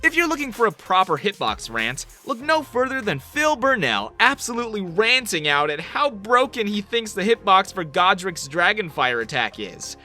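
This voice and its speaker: A man's voice: sits high, big pitch swings, moderate pace, few pauses, sharp tone, soft background music. A man reading scripted countdown narration for a video compilation in an upbeat delivery.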